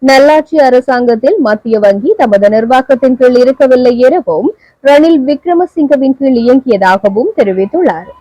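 A woman with a Sri Lankan Tamil accent reading the evening news in a steady, measured, formal delivery. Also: high-pitched, no echo, dull audio. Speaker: newsreader.

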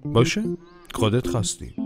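A man's voice: mid-range voice, big pitch swings, creaky. A man narrating a children's cartoon, talking to the characters in a playful, coaxing way. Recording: music playing behind the voice.

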